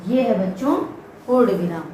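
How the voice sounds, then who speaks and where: A woman's voice: medium pitch, moderate pace, dark tone. A woman teaching a grammar lesson for children, patiently repeating example words one at a time. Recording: echoey room with faint background noise.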